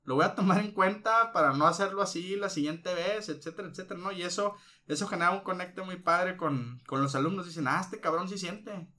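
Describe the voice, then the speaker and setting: A Mexican man chatting as a guest on a podcast, a teacher by trade. His voice sits a little high and sounds bright and forward. He talks loosely, full of slang and swearing, and tags his points with "no?". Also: fairly quick. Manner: slangy and salty, with frequent "no?" tags. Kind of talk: casual chat.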